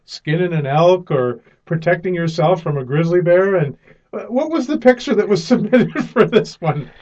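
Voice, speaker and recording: A man's voice: high-pitched, expressive, moderate pace, darkish tone, lo-fi sound. Upbeat man hosting a show. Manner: upbeat, laughs often. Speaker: radio show host. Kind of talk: casual interview chat.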